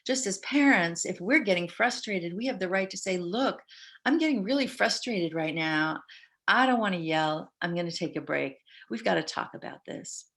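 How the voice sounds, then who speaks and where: A woman's voice: on the low side, expressive, normal speed. An older woman speaking as a parenting educator on a video call webinar, talking in a conversational way and often quoting what parents and kids say. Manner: warm conversational, quotes herself and others. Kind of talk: online parenting webinar talk.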